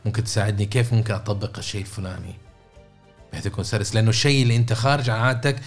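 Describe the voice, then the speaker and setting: A man's voice: on the low side, fairly even intonation, racing, soft background music. A man giving a casual coaching talk, repeating words and checking in with listeners by asking questions. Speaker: podcast host and coach.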